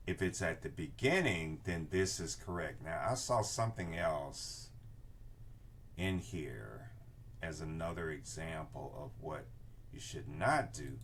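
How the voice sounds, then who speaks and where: There's a little hiss or hum behind this older man's rumbling low voice, which carries lively intonation and a fairly bright tone at a slightly slow pace. As a research class instructor, he leads an informal screen-share tutorial from a bookshelf-lined room in a video inset, often checking that people follow his explanations.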